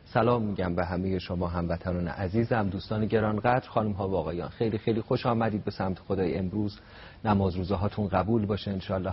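A male TV host greets his audience and guest with ceremonious, formal politeness. His voice is very low. The recording sounds slightly dull, with a faint rumble underneath. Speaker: TV program host. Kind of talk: formal broadcast hosting.

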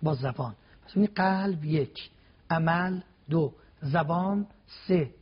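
Speaking with a fairly high pitch and a breathy edge, this man is a religious guest on a TV show. He works through his talk one point at a time, punctuating it with forceful rhetorical questions, all captured in muffled, low-fidelity broadcast sound.

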